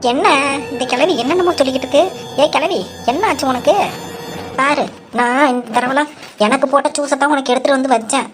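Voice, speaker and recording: A woman voicing a quick-tongued, dramatic young daughter-in-law in a cartoon, sassy and defiant. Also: sits high, music in the background, close to an everyday voice. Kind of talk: cartoon voice acting.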